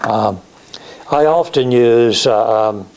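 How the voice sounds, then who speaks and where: A man giving a practical technical lecture as an instructor, explaining step by step in a halting way. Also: medium pitch, darkish tone, smooth. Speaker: class instructor in CNC woodworking. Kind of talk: technical lecture with slides and software demo.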